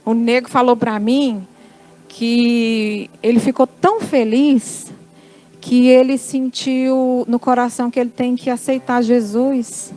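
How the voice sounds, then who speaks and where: A high-pitched, middle-aged woman with a Brazilian Portuguese accent tells her testimony to a church, speaking slowly with fairly even intonation. As the story unfolds she slips into soft voices for quoted dialogue. Faint music plays beneath her on a rough recording.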